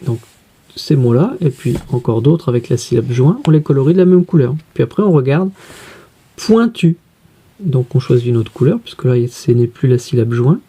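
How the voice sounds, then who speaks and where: A woman teacher guiding pupils through a reading workbook, spelling letters out slowly and carefully. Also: extremely low pitch, animated, warm tone, husky.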